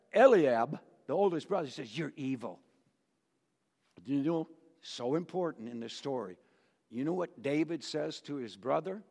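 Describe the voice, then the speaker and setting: A man's voice: mid-range voice, gravelly, darkish tone, slightly rough. A man preaching a storytelling sermon in a church, dramatic and asking the congregation questions, with a long reverb.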